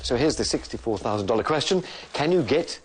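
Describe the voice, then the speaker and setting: A man's voice: mid-range voice, animated, brisk, noisy background. A man trying out gadgets on camera, chatty and appreciative. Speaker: product tester. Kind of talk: casual on-camera chat. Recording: music under speech.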